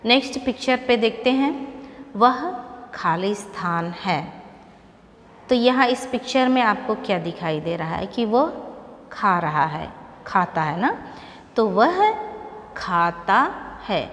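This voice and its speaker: Slow patient woman teacher, reverberant room. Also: mid-range voice, expressive, a bit bright, a little hiss or hum. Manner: slow, patient, repeats each word aloud for students to echo. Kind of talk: slow classroom lesson for young students.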